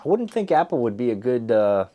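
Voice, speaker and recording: A man's voice: medium pitch, big pitch swings, brisk, mellow. A man giving a casual, rambling review to viewers, thinking aloud in a hesitant, musing way. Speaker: pipe tobacco reviewer hosting a video.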